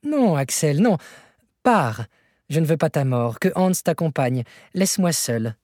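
A man's voice: on the high side, very animated, measured pace, darkish tone, no echo, studio quality. A man voicing a fierce, obstinate old professor explorer who turns from tender murmuring to hard, menacing insistence.

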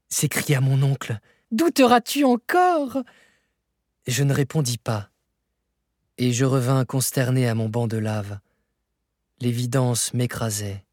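A man reading a novel aloud as an audiobook narrator, measured and expressive, rising in pitch for dramatic moments. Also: no room sound, studio quality.

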